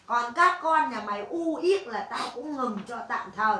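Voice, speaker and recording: A woman's voice: a little high, expressive, moderate pace, bright, forceful tone. A woman spirit medium speaking bluntly and coarsely during a séance, scolding the family. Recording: echoey room, mic far off.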